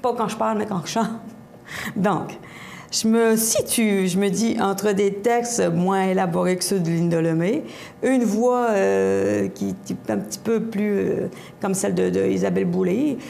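Appearing as a guest on a TV studio set, this middle-aged woman from Havre-Saint-Pierre, Quebec, has an Acadian French accent and a mellow, heavily gravelly medium-pitched voice with a measured pace. Her interview answers are lively and expressive, with lots of gesturing, restarts and fillers, and a faint noise sits under the lapel mic.

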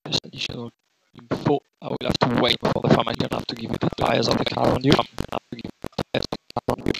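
A male race engineer gives instructions over race car onboard radio, repeating them methodically. His mid-pitched voice is creaky and gravelly, filtered through a noisy link with clicks. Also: flat delivery, racing. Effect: team radio filter. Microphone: radio headset.

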